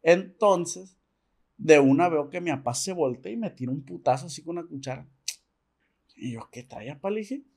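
A man's voice: fairly high pitch, normal speed. A man with a Mexican accent, a podcast guest telling a story in casual slang and acting out the dialogue. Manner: slangy, animated, acts out quoted dialogue.

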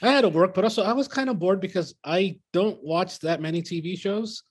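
A man's voice: sits high, brisk, breathy edge. A man co-hosting and moderating a sports podcast in informal, meandering casual chat.

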